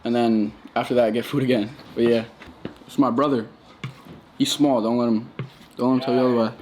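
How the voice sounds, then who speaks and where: A man's voice: medium pitch, little pitch movement, a little fast, background noise. A young man from Queens with a New York accent, chatting casually and slangily in a vlog. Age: young adult. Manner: slangy, off-the-cuff. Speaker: baseball player, vlog subject.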